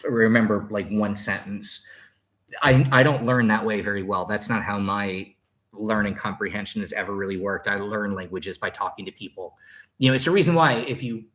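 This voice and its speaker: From his home in Thailand, a man in his thirties hosts a casual livestream and answers viewer questions, rambling chattily with lots of fillers and restarts. His voice is lowish and a bit bright, at a moderate pace.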